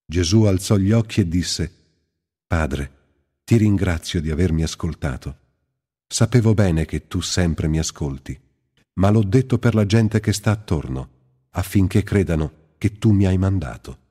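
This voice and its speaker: A man giving a slow, measured, reverent scripture reading. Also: deep voice, expressive, mellow, slightly rough. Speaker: Bible reader. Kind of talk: solemn scripted Bible reading. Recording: long hall reverb.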